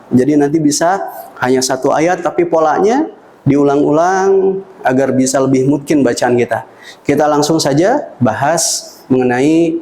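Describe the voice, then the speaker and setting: A man's voice: on the high side, darkish tone, reverberant, poor audio. A man teaching Quran recitation melodies, explaining patiently and singing short demonstrations for listeners to repeat.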